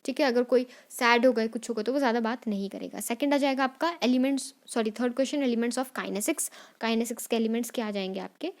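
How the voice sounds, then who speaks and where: A woman teacher with a fairly high voice. She runs an exam revision lesson, switching between Hindi and English. She repeats each point and reads English definitions out slowly, as if for notes.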